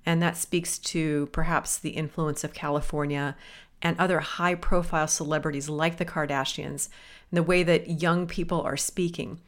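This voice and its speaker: A woman interviewer asking an author guest brisk, leading questions. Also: sits low, steady tone.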